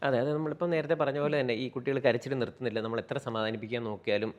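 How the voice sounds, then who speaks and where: A man who is a pediatrician with a Kerala Malayalam accent, calmly explaining child health and dropping in English medical terms. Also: mid-range voice, fast, lo-fi sound. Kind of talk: explaining to an interviewer.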